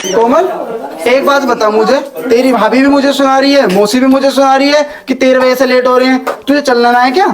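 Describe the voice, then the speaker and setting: A man's voice: very high-pitched, steady tone, brisk, a crowd in the background. A man playing an impatient son in a comedy skit, chiding the family for being late. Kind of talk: comic skit acting.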